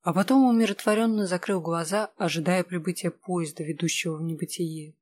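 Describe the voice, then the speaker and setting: A narrator reading a novel aloud in a steady, measured way. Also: mid-range voice. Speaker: audiobook narrator. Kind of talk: scripted narration of a fantasy novel.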